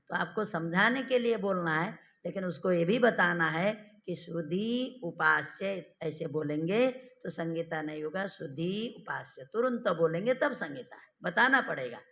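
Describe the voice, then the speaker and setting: A man teaching Sanskrit grammar in a lecture, quizzing his listeners with questions and repeating each definition slowly. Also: sits high, vocal fry, fairly bright tone. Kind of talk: classroom lecture.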